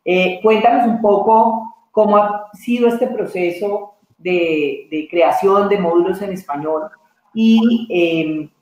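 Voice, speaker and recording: A woman's voice: mid-range voice, slow pace, darkish tone. A woman moderating a webinar panel, setting up questions at length with hesitant fillers. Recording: very echoey room.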